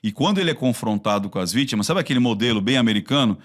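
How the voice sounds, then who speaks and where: A Brazilian man with a Brazilian Portuguese accent and a mid-range voice, chatting casually on a podcast. He tells stories in an animated way, often breaking off and restarting his sentences as he goes. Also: medium pitch, rapid-fire. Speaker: body-language expert.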